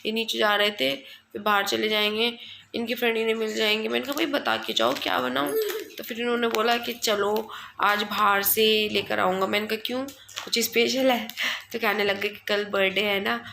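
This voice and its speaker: A young woman talks casually into her phone camera at home, rambling through her day and quoting her husband's replies. Her voice sits a little high and sounds bright and gravelly. Faint room noise hums behind her. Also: fairly even intonation, a little fast. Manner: chatty, rambling, often quotes her husband. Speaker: family vlogger. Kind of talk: casual home vlog chat. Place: at home indoors.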